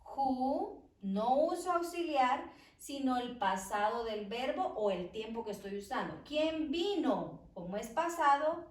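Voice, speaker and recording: A woman teaching an English grammar lesson, explaining slowly and carefully and drawing out each example word. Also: fairly high pitch, expressive. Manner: slow, careful, stretches example words while writing. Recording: echoey room, voice from far off the mic.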